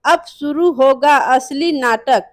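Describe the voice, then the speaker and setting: A woman's voice: high-pitched, slow pace, no room sound, clean studio sound. A woman voicing a sly young daughter-in-law who pleads sweetly and mocks her mother-in-law in a storybook tale.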